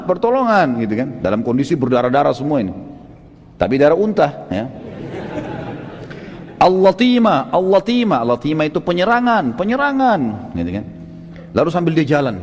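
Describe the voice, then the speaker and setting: Male preacher, storytelling lecture, somewhat high voice, long hall reverb. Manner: vivid storyteller, often rising into shouted quotes; addresses listeners as friends, frequent "ya" tags. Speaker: Islamic preacher.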